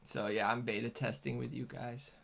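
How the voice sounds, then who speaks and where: A man's voice: medium pitch, fairly even intonation, moderate pace, gravelly, fairly bright tone. A man chatting casually and unscripted as a host, rambling and hesitant as he explains things. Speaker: host, content creator.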